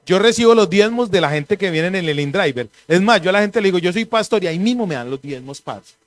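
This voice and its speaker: A man, a pastor giving a conversational sermon and telling animated, joking stories. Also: high voice, fast.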